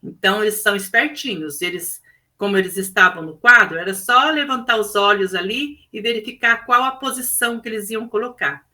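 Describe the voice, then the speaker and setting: Bright-voiced woman teacher presenting. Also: medium pitch, fairly quick, rough recording. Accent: Brazilian Portuguese. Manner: explanatory, many fillers like "né". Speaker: teacher presenting her class project. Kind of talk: class presentation.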